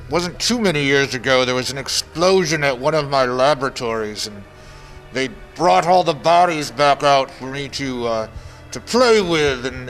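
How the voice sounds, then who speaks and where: A man playing a casually macabre mad scientist in a comedy show, rambling and halting. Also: a little high, fairly bright tone. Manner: halting, repeating words.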